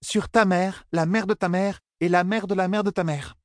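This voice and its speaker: A proud young woman who never gives ground, voiced by a man reading the story. The voice sits high and sharp-edged, pitiless in its demands. The sound is dry and close, like a storybook read into a mic. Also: steady tone, moderate pace, dry recording, lightly acted. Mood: insistent. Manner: stubborn, cutting, defiant.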